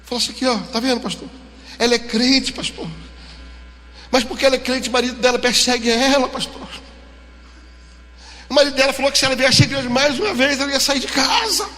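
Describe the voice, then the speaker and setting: Brazilian male pastor, forceful high voice, lively storytelling sermon, reverberant church hall. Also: brisk, long pauses. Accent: Brazilian Portuguese. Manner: animated storytelling, acting out dialogue.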